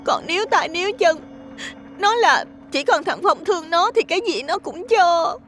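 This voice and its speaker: A scheming young village woman whimpers and pleads through false tears, her voice pitched very high, as a man narrator puts her on. Faint music sits under the story. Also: lively intonation, moderate pace, fairly bright tone. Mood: whiny gossiping. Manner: fake sobbing, whiny and pleading.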